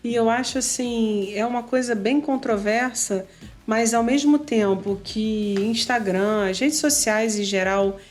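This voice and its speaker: A woman's voice: on the high side, a little slow. A woman hosting an interview, talking things through in a thoughtful, conversational way. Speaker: host. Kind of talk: casual interview chat.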